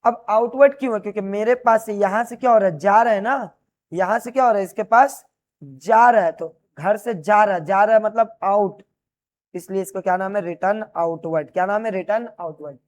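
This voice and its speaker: A man's voice: sits high, a little fast. A man gives a classroom lecture on commerce. He turns each key term into a question and answers it at once, and keeps explaining as he writes on a board. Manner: repeats key terms as questions and answers them; explains while writing on a board. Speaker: commerce teacher.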